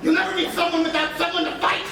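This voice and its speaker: An actor as high-pitched, blustering villainous pirate captain, distant and echoey. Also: little pitch movement, quick pace, creaky. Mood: bitter, desperate. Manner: theatrical, loud, blustering. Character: villainous pirate captain Hook, bitter adult menace. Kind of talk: live stage play acting. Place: theatre stage. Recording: distant mic, echoey theatre, audience noise.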